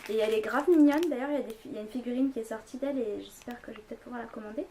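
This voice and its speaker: Young woman, chatty and rambling, slightly high voice, faint background hiss. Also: racing, dark tone. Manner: chatty, rambling, many fillers. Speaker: vlogger. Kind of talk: casual haul vlog.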